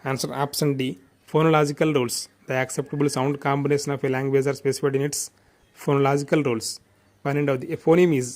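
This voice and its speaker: A man's voice: mid-range voice, steady tone, takes it slowly, a little mellow. A man with a Telugu accent teaching an exam revision lesson. He reads out quiz questions and their answers and explains them, moving between English and Telugu.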